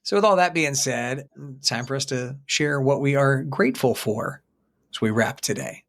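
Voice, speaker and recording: A man in his forties co-hosting a podcast, with a voice of ordinary pitch. He talks in a calm, steady, measured way. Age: 40s. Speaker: podcast co-host. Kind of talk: casual podcast talk.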